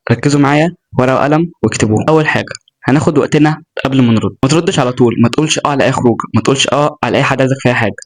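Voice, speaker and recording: Speaking very fast in a mid-range voice, this young man, a self-improvement vlogger with an Egyptian accent, talks to camera with casual motivation, earnest chattiness, and joking asides.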